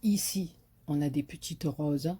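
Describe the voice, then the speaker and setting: A woman's voice: low voice, measured pace, background noise. A woman with a Marseille accent chatting casually in a craft haul video, hesitant and full of fillers, enthusiastic about what she shows. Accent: Marseille French. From southern France. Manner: enthusiastic about paper designs. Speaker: craft vlogger.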